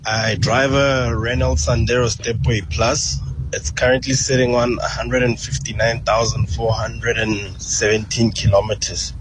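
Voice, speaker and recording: A man's voice comes through a recorded voice message played on air, speaking in an even, flat tone. Faint vehicle noise hums behind him as he lists details briefly. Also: medium pitch, unhurried, rough recording. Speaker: listener sending a voice note.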